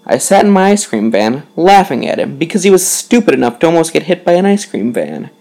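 Man, gravelly voice, somewhat high, deadpan dark comedy monologue, first-person storyteller. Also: brisk, poor audio. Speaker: comic storyteller.

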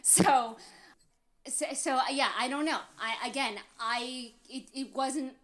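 A woman's voice: sits high, fairly even intonation, slow pace, crowd noise. A woman co-hosting a casual podcast chat who laughs often, restarts her sentences and trails off. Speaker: podcast co-host.

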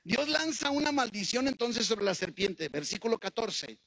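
A man's voice: sits high, very animated, moderate pace, gravelly, a bit bright, dry recording, low-quality recording. A man preaching a sermon in a conversational way, often checking in with his listeners through rhetorical questions.

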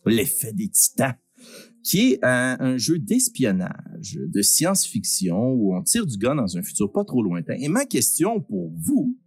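A Québécois man hosting a live giveaway in a booming prize-announcer manner, informal and joking, with some swearing. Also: huge pitch swings, a little slow, darkish tone, breathy edge, no room sound. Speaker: host of a live-streamed prize draw.

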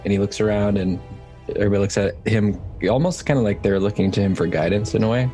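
A man's voice: on the low side, steady tone, fast talker, dark tone, soft background music. A man running a tabletop role-playing game, narrating scenes loosely with fillers. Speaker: game master.

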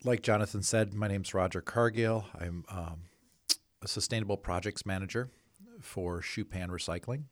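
A man introduces himself as a guest on an interview show. His voice is deep, and the recording is dry and close. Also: moderate pace, no room sound. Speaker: interview guest, recycling projects manager.

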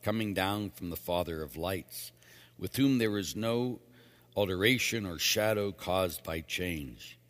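Low voiced priest doing a daily homily, plain talk, punchy, long echo in a church. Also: male voice. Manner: plain-spoken, emphatic, casual asides. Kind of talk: scripture reading and homily.

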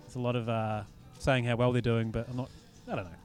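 A man with a New Zealand accent talks casually as a podcast host. His pitch sits in an ordinary middle range, and he fills gaps with ums and restarts. Faint music plays in the background. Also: quick pace. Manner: relaxed, chatty, frequent ums and restarts. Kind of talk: casual chat about beer news.

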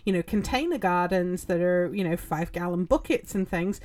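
A woman's voice: on the low side, normal speed, a little mellow. A woman hosting a gardening podcast, talking casually in a chatty, rambling way with lots of ums and you-knows. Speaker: podcast host. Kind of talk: casual solo podcast talk.

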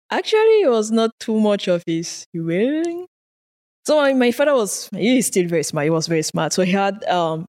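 In conversational interview answers, this guest research scientist speaks with a low, darkish voice. Originally from Cameroon and a native French speaker, she is earnest, narrating her stories with the odd laugh and some repeated words.

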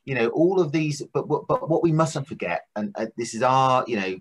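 A man's voice: mid-range voice, animated, fairly quick, breathy edge. A man co-hosting a business podcast, talking casually with frequent restarts. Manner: hesitant, many restarts and fillers. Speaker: podcast co-host.

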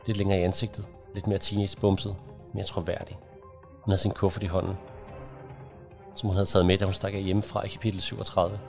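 A man reading an audiobook in a measured, even narration. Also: sits low, vocal fry, faint music behind. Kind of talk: scripted narration.

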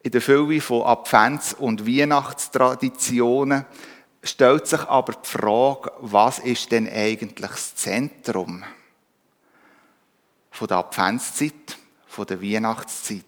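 A man with a Swiss German accent preaching a calm, reflective sermon in a church. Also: medium pitch, takes it slowly. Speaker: pastor. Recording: reverberant church hall.

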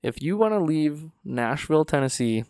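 A man from North Dakota hosts a podcast from a small studio, his smooth voice on the high side and at normal speed, recorded cleanly on a studio podcast mic with no echo. In a casual chat he tells stories with animation, acting out the voices of the people he quotes.

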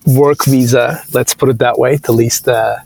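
A man's voice: mid-range voice, steady tone, a little slow, creaky, a little mellow, no room sound, rough recording. A man from Turkey with a Turkish accent, a founder being interviewed, talking casually with frequent fillers and restarts. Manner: hesitant, many fillers and restarts. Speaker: startup founder, guest.

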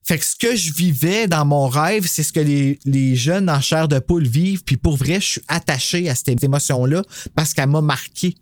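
Animateur québécois, bavard et animé. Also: male voice, a little high, moderate pace, no echo, studio quality. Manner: animated, rambling storytelling. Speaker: podcast host. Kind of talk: casual chat.

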